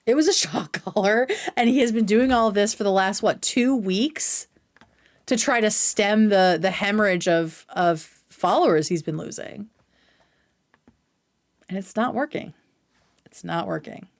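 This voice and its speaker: A woman hosts a livestream full of casual, opinionated commentary, speaking bluntly and swearing freely. Her voice is mid-range and a little slow.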